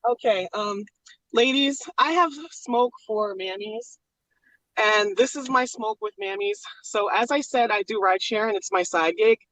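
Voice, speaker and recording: A woman calling in to a talk show over a car speakerphone while driving. She sounds muffled, as if in a tunnel, and talks in a halting, casual way with many ums. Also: on the high side, expressive, fairly bright tone. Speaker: caller. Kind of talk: casual call-in chat.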